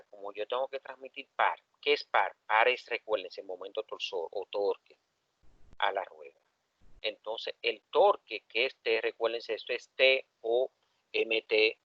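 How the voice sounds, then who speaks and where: A Dominican man teaches an engineering class in an easy, lively way, throwing questions out to his students. His voice sits at a middle pitch. The recording is dry and muffled, with little room sound. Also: no room sound. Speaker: engineering professor. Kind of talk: classroom lecture.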